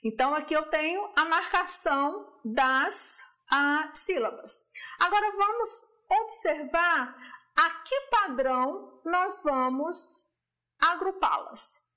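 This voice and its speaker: A woman's voice: high-pitched, animated, sharp tone. A woman with a Brazilian Portuguese accent giving a distance-learning lesson on poetic meter, explaining step by step. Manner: slow, deliberate, explains step by step. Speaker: teacher.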